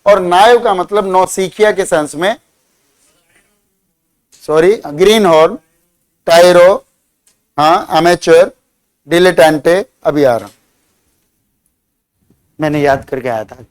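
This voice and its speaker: Man teaching a lively vocabulary class. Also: high-pitched, slow pace, pauses often, clean tone. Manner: drills words by spelling them out and quizzing students; teasing, scolding banter with students. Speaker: English teacher.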